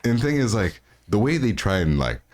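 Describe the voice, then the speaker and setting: Casting: young American man, deep low voice with a lot of swing, podcast host, joking banter. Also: moderate pace. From United States. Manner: animated, joking, mocks accents. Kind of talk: casual chat.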